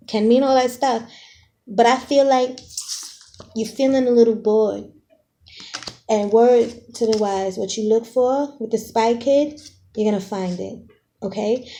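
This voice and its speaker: A woman's voice: on the high side, mellow. A woman doing a casual tarot reading for her viewers. She is chatty and direct, uses playful slang, and keeps checking in with "okay?". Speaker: tarot reader.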